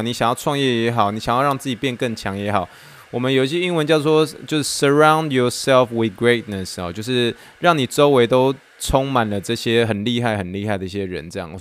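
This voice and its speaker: A man from Taiwan, hosting a podcast as a casual, animated monologue and laughing often. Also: mid-range voice, clean tone. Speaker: podcast host.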